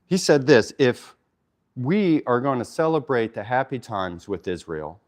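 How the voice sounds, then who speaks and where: A man's voice: medium pitch, lively intonation, unhurried. A man teaching a casual Torah study, who often stops to explain Hebrew terms and talks with frequent fillers and restarts.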